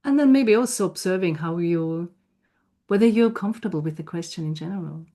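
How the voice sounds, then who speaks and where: A woman's voice: fairly low pitch, brisk. Austrian-accented woman asking questions. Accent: Austrian German. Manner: warm, inquisitive interviewer, laughs easily. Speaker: co-host. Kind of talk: casual conversation.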